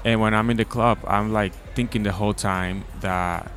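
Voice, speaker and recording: A man's voice: lowish voice, steady tone, moderate pace, fairly bright tone. A man in his twenties from the Dominican Republic, a guest DJ chatting casually at an outdoor festival with lots of likes and ums. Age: 20s. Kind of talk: casual interview. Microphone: handheld mic.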